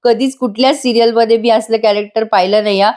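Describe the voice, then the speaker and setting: A woman's voice: a little high, steady tone, quick pace, darkish tone. A woman narrating a voice-over review of a TV serial episode, chatting directly with her viewers.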